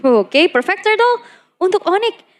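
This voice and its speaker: A woman's voice: very high voice, very animated, unhurried. An Indonesian woman giving live commentary on an esports match as one of its casters. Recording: loud ambient arena noise behind. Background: loud venue noise.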